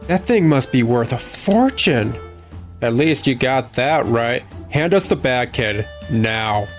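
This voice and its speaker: A man's voice: mid-range voice, animated, takes it slowly, music in the background. A man voicing a swaggering, slangy bandit henchman from a video game, a dim thug. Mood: greedy. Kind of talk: video game dialogue read aloud.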